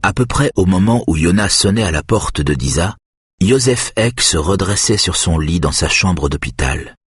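A man narrating an audiobook in an even, measured reading. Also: low-pitched, breathy edge, no room sound, studio quality.

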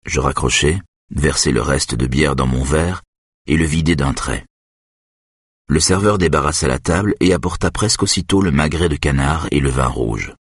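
Man narrating an audiobook, extremely low, husky voice, steady and measured. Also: dry recording, clean studio sound. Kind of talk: first-person audiobook narration.

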